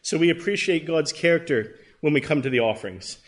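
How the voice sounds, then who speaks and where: An expressive, somewhat high-pitched voice belongs to a man in his thirties from Canada, speaking fairly quickly with a Canadian accent. He delivers a conversational, earnest Bible class talk full of ums and restarts.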